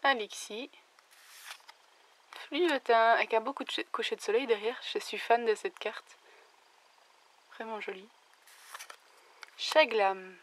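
A young woman, slightly hoarse from a recent illness, chatting casually as she opens trading cards and exclaims over the ones she likes. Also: on the high side, a bit bright, slight background noise. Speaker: YouTuber opening trading cards. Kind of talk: casual card-opening commentary.

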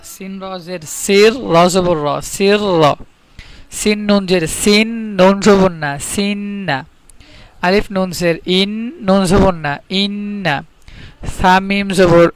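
A man with a Bangladeshi Bengali accent gives an online recitation lesson, spelling out each letter and vowel mark in patient, repeated drills. His voice sits high and holds a flat, even tone. It comes across smooth and resonant in a dry, close recording. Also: no room sound, rough recording. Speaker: Quran reading teacher.

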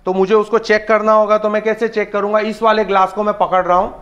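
A man's voice: high-pitched, flat delivery, quick pace, a bit bright. A man owning a tool shop, explaining step by step and telling viewers to look while he demonstrates a laser leveler. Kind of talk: casual product demonstration. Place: small tool shop room with shelves, indoors. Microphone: handheld camera filmed by another person. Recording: echoey room, slightly dull, faint noise.

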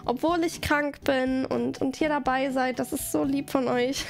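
A woman's voice: high-pitched, fairly even intonation, a little slow, gravelly, faint music behind. A woman streamer chatting casually with her live audience, bubbly and giggly, rambling from one thing to the next.

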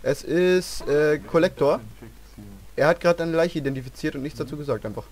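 A young man hosting a let's play, chatting with teammates in casual gaming commentary, excitable and repeating phrases. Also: fairly high pitch, brisk.

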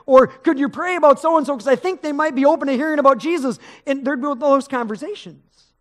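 Speaking fairly quickly in an extremely high voice, a middle-aged male pastor delivers a sermon on stage in a big church sanctuary. He preaches conversationally, his voice rising for emphasis, pacing and gesturing across the stage.

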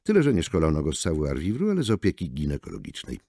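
A bass-voiced man performs a sharp-tongued, sardonic woman lawyer in an audiobook, sounding brusque and mocking. His delivery is fast, gravelly, mellow and heavily acted, with huge pitch swings. The studio sound is clean, with no room sound.

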